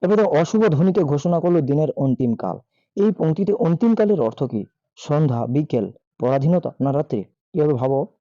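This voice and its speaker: A hoarse male teacher reads out exam questions and their options, then gives the answers. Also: a little high, warm tone, no room sound. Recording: dull lo-fi mic.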